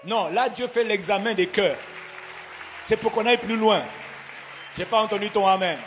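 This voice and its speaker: A man's voice: sits high, normal speed, a bit bright, big-room sound, soft background music, a faint crowd. A man preaching a sermon. He preaches emphatically, asking the congregation to repeat words after him. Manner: emphatic, call-and-response preaching. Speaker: pastor.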